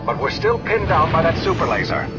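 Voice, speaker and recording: An actor playing a stern, authoritative fleet general in a video game, giving measured, commanding military briefings. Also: male voice, on the high side, big pitch swings, over loud music. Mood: grave.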